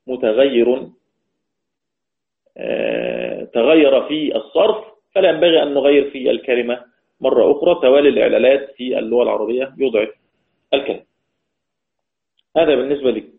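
An Egyptian man teaches a recitation lesson online, walking through each point and asking his students questions. His mid-pitched voice comes through a thin, tinny line that sounds like a phone call. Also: lively intonation, gravelly. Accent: Egyptian Arabic. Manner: explains step by step, asks students questions; chants verse lines slowly.

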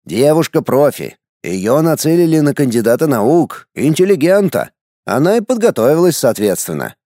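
A gruff army general ribs his young officer in a hearty, fatherly way. Read by a man with a dark, mellow voice, close and dry. His commands come out loud and firm. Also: on the high side, very animated, normal speed, dry recording. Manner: hearty and teasing.

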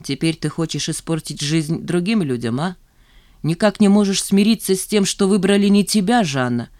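A woman's voice: on the low side, animated, moderate pace, darkish tone, no echo, clean studio sound, natural voice. A woman reading an audiobook, voicing a mild, patient young man.

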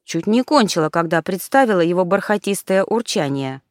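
A woman's voice: on the low side, expressive, a little fast, no echo, clean studio sound, lightly acted. A woman reading a brash, bawdy young woman. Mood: eager, bawdy. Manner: outspoken, bawdy, eager. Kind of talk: audiobook character voice.

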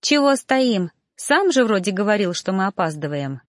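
A woman's voice: mid-range voice, very animated, normal speed, no echo, clean studio sound, natural voice. A woman voicing a bold, teasing young female apprentice in an audiobook, with a raised, mocking voice. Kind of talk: audiobook character voice.

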